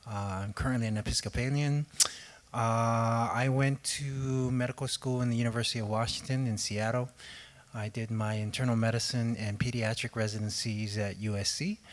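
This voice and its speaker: A man from Hawaii, a physician and researcher, introducing himself on a panel and pausing often on fillers. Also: mid-range voice. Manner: hesitant, many fillers.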